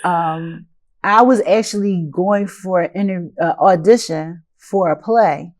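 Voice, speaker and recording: A woman hosting a casual interview, encouraging her guest with constant quiet backchannels. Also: lowish voice, unhurried. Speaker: podcast host.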